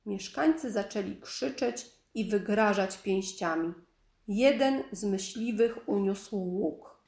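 Woman reading a kids story real slow and calm, roomy echo. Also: mid-range voice, vocal fry. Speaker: storybook narrator. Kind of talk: reading a children's story aloud. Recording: echoey room.

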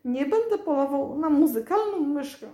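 A woman voicing a timid, gentle young tomcat who talks in a plaintive, pleading way. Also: sits high, animated, moderate pace, reverberant, pitched above the performer's own voice.

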